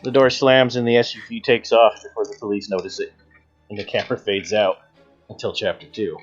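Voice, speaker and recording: A man's voice: fairly low pitch, fairly even intonation, a little fast, slightly rough. Male game master narrating over music, slightly dull. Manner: dramatic second-person storytelling. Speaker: game master, show host. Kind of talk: narrating a tabletop horror game.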